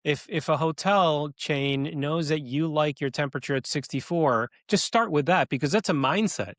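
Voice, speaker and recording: A man's voice: fairly high pitch, moderate pace, dry recording, studio quality. A man hosting a podcast, asking thoughtful questions in a friendly, easygoing way and laughing easily. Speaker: podcast host. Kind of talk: casual podcast conversation.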